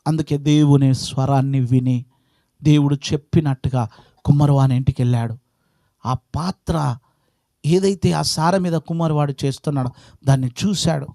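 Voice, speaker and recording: A man preaching a sermon at a house prayer meeting, swinging between loud, rising exhortation and low, hushed asides, with strings of rhetorical questions. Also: moderate pace, creaky, long pauses, no echo, studio quality. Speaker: pastor.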